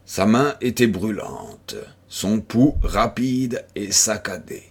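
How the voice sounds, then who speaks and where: Slow, husky male audiobook narrator. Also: lowish voice, animated. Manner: measured, storytelling. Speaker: audiobook reader.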